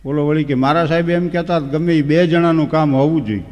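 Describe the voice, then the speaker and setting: A man with a Kathiawadi Gujarati accent telling comic folk stories on stage, animated and slipping into quick voices for the people in his tales. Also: a little high. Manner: animated, switches into quick character voices for dialogue. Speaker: folk humorist. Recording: echoey hall, dull lo-fi sound.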